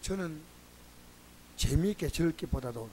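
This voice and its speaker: This pastor's voice sits a little high, and he delivers his sermon at a measured pace on a low-quality recording with some hiss or hum. Speaking with a Gyeongsang Korean accent, he entertains the congregation with lively, folksy stories.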